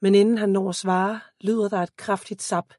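A woman reading a first-person story aloud as an audiobook narrator, in a calm, steady voice. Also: mid-range voice, no room sound, clean studio sound.

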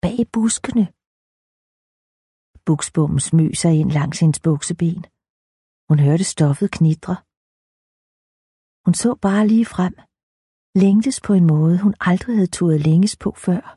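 A woman narrating an audiobook in a calm, measured reading voice. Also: lowish voice, breathy edge, no echo, studio quality.

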